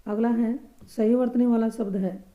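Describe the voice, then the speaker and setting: A woman teaching a grammar lesson for exam preparation, patiently explaining answers and repeating each correct word slowly and softly. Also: on the high side, fairly even intonation.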